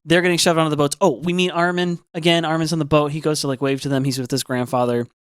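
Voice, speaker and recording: A man co-hosting a podcast, chatting casually and excitably, rambling with lots of filler words. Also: a little high, fast, clean tone, dry recording, studio quality. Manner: excitable, rambling, heavy use of "like". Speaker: podcast co-host. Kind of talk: casual chat recapping an anime episode.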